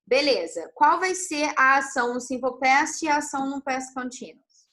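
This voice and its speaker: A woman's voice: high voice, lively intonation, moderate pace, sharp tone, poor audio. A woman, tutoring English over a video call, patient and humming "tananã" to mark blanks. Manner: patient, fills blanks with sung "tananã", spells letters. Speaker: English teacher. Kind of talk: online class tutoring.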